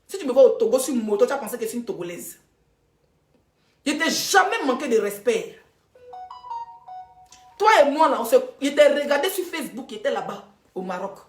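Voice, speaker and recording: A woman with an Ivorian French accent holds forth on a livestream, repeating her points and swinging from loud, high outbursts to low, quiet asides. Her voice sits somewhat high. The room around her is echoey. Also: sing-song, fairly quick, long pauses, faint music behind. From Ivory Coast. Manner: emphatic, repeats herself, voice rising and dropping sharply. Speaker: social media livestreamer. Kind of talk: heated livestream monologue.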